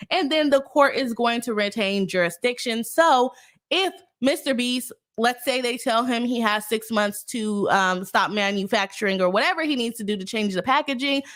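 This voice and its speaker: A woman attorney with a slightly high, fairly bright voice hosts a casual live stream, sounding stuffy from a cold. She's chatty, explains a legal case and its terms plainly, reads chat aloud, and laughs often.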